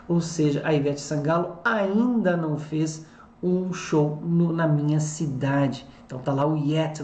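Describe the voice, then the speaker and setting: A teacher with a Brazilian Portuguese accent gives an online English lesson in a mellow, relaxed voice. English examples come slow and deliberate, and the Portuguese explanations run quicker. The recording carries a roomy echo. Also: medium pitch, a little hiss or hum.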